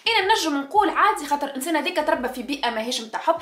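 A woman with a Tunisian accent speaks straight to her viewers in a spontaneous monologue. She talks quickly in a high voice and hammers her points home by repeating them. The recording has a roomy echo. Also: expressive, a bit bright, faint music behind. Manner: passionate, emphatic, repeats key phrases. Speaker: vlogger.

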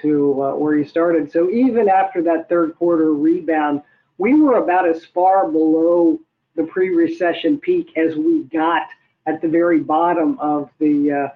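An older man, an economist, explaining figures in a measured way with many hesitations. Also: fairly high pitch. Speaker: guest economist. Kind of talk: interview answers. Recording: tinny phone-like line.

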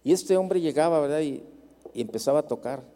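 A man's voice: on the high side, a little fast, mellow, big-room sound. A man with a Mexican accent preaching a sermon as a pastor, telling a story and repeating phrases for emphasis.

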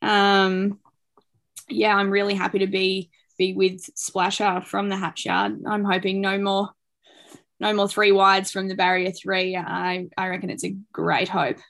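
A woman's voice: mid-range voice, flat delivery, unhurried, gravelly, fairly bright tone. A woman with an Australian accent giving casual, unscripted racing tips in an informal, somewhat hesitant way. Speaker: racing show panellist and tipster. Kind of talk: casual unscripted tipping commentary.

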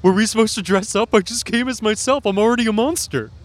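A man's voice: high voice, fast, natural voice. A man voicing a timid, goofy monster who lives under the bed, talking bashfully as a puppet at a haunt event. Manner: goofy, bashful, nervous joking.

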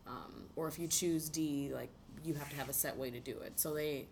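A woman hosting a podcast, talking in a relaxed, encouraging way with "um" and "like" fillers. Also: low voice, moderate pace, slight background noise. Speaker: podcast host. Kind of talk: casual conversation.

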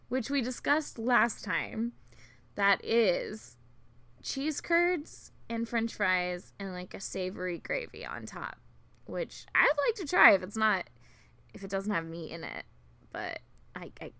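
Thick-tongued, animated woman, chatty. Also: fairly high pitch, gravelly, dry recording. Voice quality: slightly thick-tongued, slurred articulation from a swollen tongue. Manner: giggly, self-deprecating, filler-heavy rambling. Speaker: podcast co-host. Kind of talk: casual chat.

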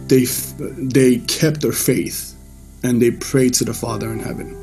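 A man from Iran giving his personal faith testimony to a church group in a casual, loose way, with frequent pauses and restarts. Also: mid-range voice, darkish tone.

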